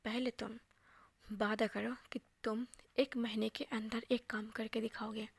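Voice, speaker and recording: A woman voicing a cruel, scheming rich man who mocks and threatens, in a soft half-whispered delivery. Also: fairly high pitch, flat delivery, a little slow, gravelly, breathy edge, no echo, full character voice. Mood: mocking.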